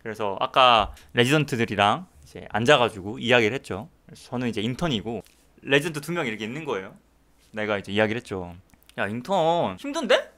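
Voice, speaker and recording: A young man who is a doctor vlogger chats casually on a livestream, joking, teasing, and doing voices for the lines he quotes. He talks fast in a mid-range voice that is animated, bright, and forceful.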